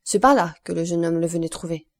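A woman's voice: on the low side, fast, natural voice. A woman voicing a humble, talkative male prison guide in an audiobook, speaking eagerly and deferentially. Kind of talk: audiobook character voice.

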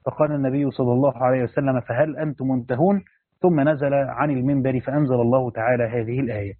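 Fast-reading Egyptian man, tinny sound. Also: medium pitch, steady tone, no room sound. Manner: reads classical Arabic, then breaks into colloquial asides. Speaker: teacher reading a Quran commentary. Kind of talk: reading a classical text aloud with explanations.

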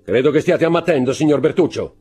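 A man's voice: mid-range voice, very animated, normal speed, warm tone, breathy edge, faint music behind, voice pushed up. A man reading an audiobook, voicing a cold, imperious nobleman who gives commands. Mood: coldly mocking.

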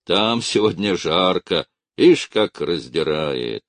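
A man's voice: sits low, very animated, slow, no echo, heavily acted. A man voicing a talkative, jovial lieutenant colonel. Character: chatty male lieutenant colonel.

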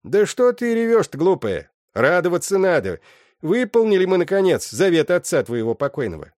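Scheming old witch mother as a man voices her, mocking, scolding, high and animated, dry audiobook. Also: moderate pace, dry recording. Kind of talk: audiobook character voice.

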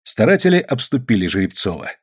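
A man narrating a novel aloud in an expressive storytelling manner. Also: on the low side, fast talker, breathy edge. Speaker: audiobook narrator. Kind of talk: scripted narration.

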